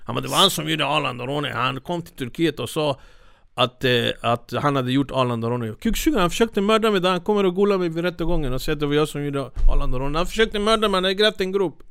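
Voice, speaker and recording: Man, slightly high voice, dry close sound, street slang, lively storytelling. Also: clean tone, dry recording. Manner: street slang, animated storytelling, acts out quotes. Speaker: interview guest. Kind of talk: casual storytelling.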